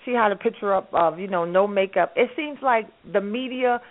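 A brisk, medium-pitched woman from Harlem, New York, hosts a call-in radio panel, chatting freely and laughing often. She comes through a phone call, so the sound is narrow like a phone line.

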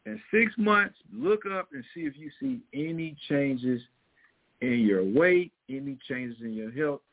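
A man's voice: mid-range voice, expressive, a little slow, creaky. Phone-like audio, man with Missouri twang. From Missouri, United States. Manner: folksy, emphatic, repeats key points. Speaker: fitness and weight loss coach. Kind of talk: casual motivational advice talk to viewers.

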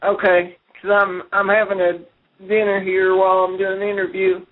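A man hosting a casual call-in radio show over a speakerphone, talking loosely with many fillers and pauses. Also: high-pitched, monotone. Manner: loose, filler-heavy, halting. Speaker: internet radio host. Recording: tinny speakerphone audio.

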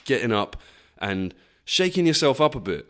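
A wheezy, short-of-breath man talking casually and excitably on a solo podcast, rambling and swearing freely. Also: medium pitch, normal speed. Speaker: podcast host.

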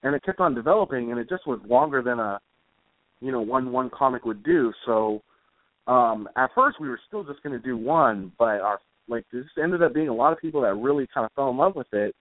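A man with a mid-range voice and lively intonation talks a little fast as an interview guest; he's a comic author and musician. His casual, somewhat rambling chat comes over a tinny line with no room sound.

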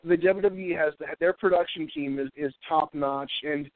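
A man's voice: fairly high pitch, moderate pace, dry recording. An American man with a congested, stuffy nose hosting a casual radio show, rambling and stammering in a jokey way. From New Hampshire, United States. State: congested, breathing through mouth. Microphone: thin mic curled close to face. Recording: thin phone-like line.

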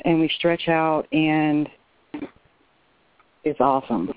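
Phoning into a radio program, this woman talks slowly in a low voice with fairly even intonation, and a little hiss or hum sits under the tinny, dry line. Her casual call-in chat is earnest and heartfelt, with some restarts.

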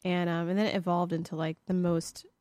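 A woman's voice: lowish voice, level tone, brisk, darkish tone, no echo, clean studio sound. A woman co-hosting a podcast in casual chat, sounding nasal and congested as she recovers from a cold, rambling and laughing often. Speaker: podcast co-host.

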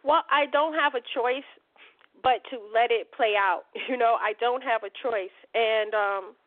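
A woman's voice: on the high side, a little slow. A woman hosting a call-in talk show, speaking passionately and emphatically and swearing freely. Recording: tinny phone-like line.

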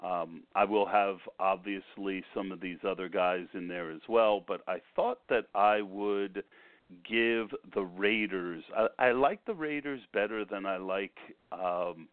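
A man hosting a casual sports podcast, sounding a little under the weather, speaking in a halting way with repeated words. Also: low voice, dry recording. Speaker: podcast host. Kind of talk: casual fantasy football commentary. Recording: tinny phone-line sound.

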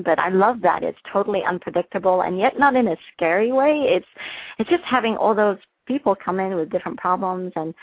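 A woman with a lowish voice speaks earnestly and warmly, pausing often with ums as she answers. The sound is dry and narrow, like a phone line. She is a doctor from England talking as an interview guest. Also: breathy edge, dry recording. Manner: warm, earnest, many ums and restarts. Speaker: family physician, guest. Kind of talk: casual interview talk.

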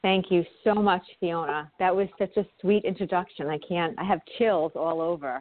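A New York woman talks quickly and sincerely as an interview guest, dropping in the occasional um. Her voice is close and dry with no room sound. It comes through a narrow, phone-like line. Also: lowish voice, no echo. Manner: quick, heartfelt talk with ums. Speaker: guest, animal communicator. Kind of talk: casual interview chat.

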